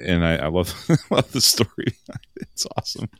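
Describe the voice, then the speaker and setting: A man's voice: low-pitched, lively intonation, moderate pace, fairly bright tone, no room sound. A man hosting an interview podcast, enthusiastic and encouraging, laughing often. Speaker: podcast host. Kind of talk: casual interview chat.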